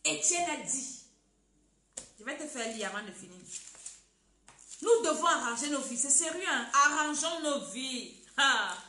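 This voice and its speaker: A woman's voice: high voice, lively intonation, unhurried, pauses often, sharp tone, slight background noise. A woman preaching a sermon, exhorting the listener directly and leading a prayer for them to repeat. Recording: echoey room.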